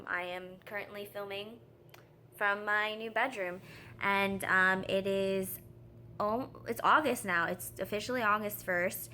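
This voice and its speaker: A woman's voice: mid-range voice, a little hiss or hum. A young woman chatting casually from her bedroom in a vlog, filling her talk with ums and likes. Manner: chatty, relaxed, lots of fillers. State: out of breath. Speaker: vlogger.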